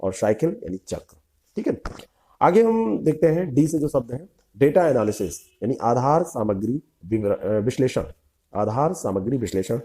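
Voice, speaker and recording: A man with a deep, very mellow, dark voice teaches vocabulary for an exam. He reads each English term, gives its meaning and repeats it, with short asides for his students. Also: sing-song, normal speed. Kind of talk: vocabulary lesson.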